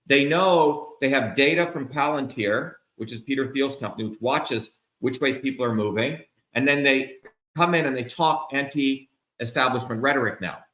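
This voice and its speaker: Man ranting on a livestream, swears a lot, bright forceful voice, roomy echo. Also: medium pitch, moderate pace. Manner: profane, heated, emphatic. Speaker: political candidate speaking to supporters. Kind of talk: angry livestream rant.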